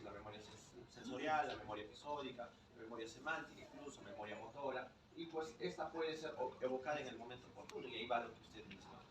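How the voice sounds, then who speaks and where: A man explaining ideas in a training session, often adding a tag question. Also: medium pitch. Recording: distant mic in an echoey room with clear noise.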